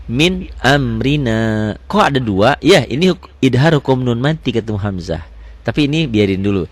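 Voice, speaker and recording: A man teaching tajwid. He quizzes the class with his own questions and recites verse examples slowly and drawn out. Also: mid-range voice. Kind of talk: tajwid lesson.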